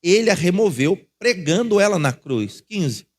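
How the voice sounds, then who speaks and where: High-voiced Brazilian pastor preaching. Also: male voice, big pitch swings, a little slow. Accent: Brazilian Portuguese. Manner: conversational preaching with anecdotes, addresses congregation as irmãos. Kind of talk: sermon. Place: church.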